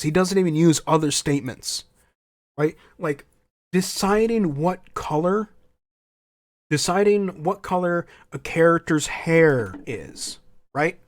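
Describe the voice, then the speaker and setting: With a slightly high, darkish voice, a young man rants casually through his solo podcast, sharing strong opinions and frequently starting phrases over. He sounds a little scratchy and congested from a cold, and the studio-quality recording has no room sound.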